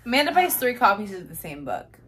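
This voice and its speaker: A woman's voice: mid-range voice, big pitch swings, brisk, fairly bright tone. A woman co-hosting a podcast, chatting casually about books she bought and breaking into laughing fits. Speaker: podcast co-host.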